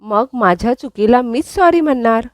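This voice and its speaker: A woman's voice: on the high side, lively intonation, normal speed, no echo, studio quality, natural voice. A woman voicing a playful, teasing young man in a retold serial scene. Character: young man, teasing, gently mocking hero. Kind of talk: recounted serial dialogue.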